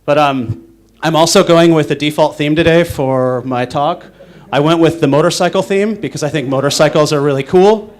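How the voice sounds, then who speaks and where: A man's voice: on the high side, moderate pace. A young man from the northwestern United States giving a casual conference talk on stage, rambling with lots of fillers and restarts. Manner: rambling, filler-heavy, self-interrupting. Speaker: conference speaker.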